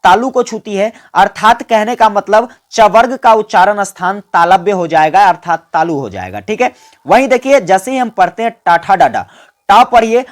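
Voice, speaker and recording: A man's voice: sits high, animated, moderate pace. A man teaching an exam-prep grammar lesson. He keeps asking the listeners questions, answers them himself, and has them repeat sounds along with him. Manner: quizzes listeners and answers his own questions.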